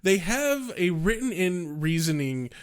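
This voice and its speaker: A man's voice: high voice, big pitch swings, measured pace, clear, resonant tone. Blunt, swearing man in casual chat. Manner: blunt, swears often, laughs. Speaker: podcast co-host.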